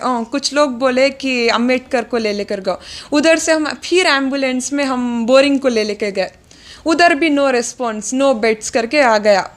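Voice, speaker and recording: A young woman telling an interviewer what happened, in a halting way with many fillers and English words mixed in. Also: high voice. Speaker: interviewee, daughter of the deceased. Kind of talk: recounting events in an interview.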